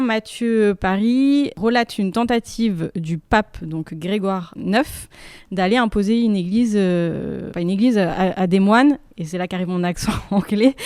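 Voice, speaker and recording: Lively woman storyteller, smooth clear voice. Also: mid-range voice, dry recording, studio quality. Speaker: researcher guest. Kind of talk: explaining history in an interview. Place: research institute room.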